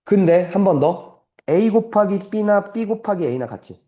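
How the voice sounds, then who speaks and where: A young man teaches math in a classroom in a blunt, profane, chatty way, often stopping to ask if students are following. His voice sits a little high and moves up and down a lot, with a mellow, dark tone. The recording is roomy and dull, like a lo-fi classroom capture. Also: expressive, takes it slowly. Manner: blunt, swears casually, constantly checks understanding. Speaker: math tutor. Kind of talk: casual classroom lecture.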